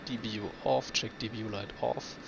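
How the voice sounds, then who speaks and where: A man with a gravelly, fry-laden voice at a middling pitch runs through pilot checklist items. He speaks in terse, procedural fragments. The mic sounds muffled, with clear noise behind him. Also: fairly even intonation, brisk. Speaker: flight sim pilot. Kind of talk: checklist callouts and radio replies.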